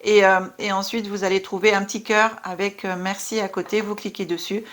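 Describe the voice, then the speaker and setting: A woman's voice: medium pitch, flat delivery, a little fast. A woman with a French accent giving a casual spiritual card reading, chatty and full of fillers. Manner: warm, chatty, many fillers and asides. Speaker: tarot card reader.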